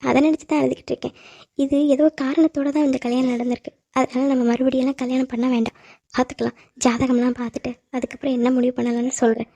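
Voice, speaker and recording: A woman's voice: sits high, flat delivery, fast talker, gravelly, dark tone, dry recording, muffled recording. A woman voicing an emotional, middle-aged mother of the bride in a cartoon drama, speaking apologetically. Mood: tearful.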